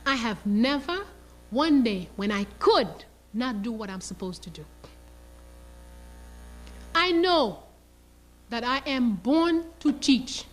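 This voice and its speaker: A woman's voice: fairly high pitch, low-quality recording. A woman lecturing on history as a teacher, telling a story passionately and with emphasis. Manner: passionate, emphatic, acts out quotes.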